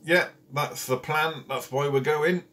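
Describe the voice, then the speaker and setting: A man's voice: fairly high pitch, fairly even intonation, a little slow, pushed and bright. A man hosting a casual live stream from home, chatting and greeting viewers one by one by name. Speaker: carp fishing channel host. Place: at home, indoors.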